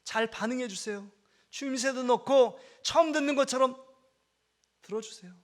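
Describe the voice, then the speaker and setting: A man's voice: very high-pitched, moderate pace. A man preaching a Sunday sermon as pastor, earnestly telling a story, acting out the voices and leading the congregation in reading aloud. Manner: earnest preaching, acts out quoted dialogue, leads congregation in reading. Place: church sanctuary.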